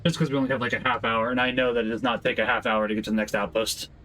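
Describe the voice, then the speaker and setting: A man's voice: medium pitch, flat delivery, racing, a bit bright, a little hiss or hum, poor audio. A man giving casual live commentary as he streams a video game.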